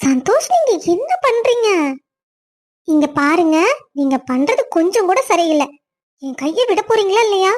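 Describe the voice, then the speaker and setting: Cartoon lead: a woman playing a loving, tearful young wife, squeaky-high voice, emotional. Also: very animated, normal speed. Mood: protesting. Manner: emotional, weepy, pleading. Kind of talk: cartoon family drama voice acting.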